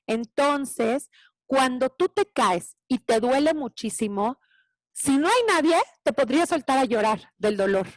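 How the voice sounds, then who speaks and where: A woman teacher gives an animated parenting talk, acting out children's voices. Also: sits high, measured pace, no echo.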